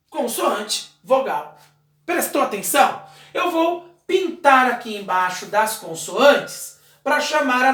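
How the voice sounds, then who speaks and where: A male teacher with a very high-pitched, somewhat bright voice records a video lesson in an indoor room, explaining step by step while writing on a wall. He is patient and checks in with short questions, and the room sounds echoey.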